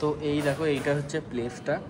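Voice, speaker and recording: A man's voice: on the high side, steady tone, quick pace, noisy background. A young man chatting casually to his viewers in a couple vlog, talking straight to the camera. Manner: chatty, addresses viewers directly. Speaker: vlogger.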